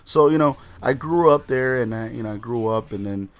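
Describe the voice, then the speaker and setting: A man's voice: medium pitch, a little fast. A man casually telling a mock-serious story to the camera, rambling and filling his talk with "you know". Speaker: vlogger.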